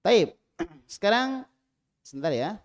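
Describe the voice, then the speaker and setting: A man teaching an Arabic class in a small prayer room, calling on students and drilling them, with loud prompts and quiet asides. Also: high-pitched, very animated, takes it slowly.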